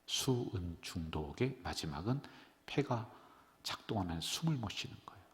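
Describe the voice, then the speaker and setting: At a midweek prayer service, a middle-aged senior pastor preaches with a worn, subdued voice, emotionally swinging between loud exclamations and near-whispers. His pitch varies widely, his delivery is animated at a moderate pace, and the sanctuary's long, trailing reverb rings out.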